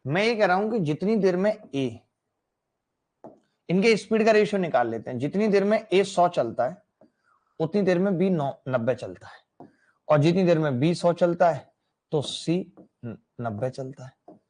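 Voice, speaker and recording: A man teaching math in a lively classroom lecture, addressing students directly and playfully. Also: high-pitched, measured pace, long pauses.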